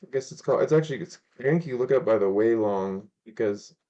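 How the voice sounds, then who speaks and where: A man's voice: medium pitch, lively intonation, fast talker, warm tone, lo-fi sound. A man hosting a live stream, chatting casually and rambling, often correcting himself and laughing. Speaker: cubing channel host.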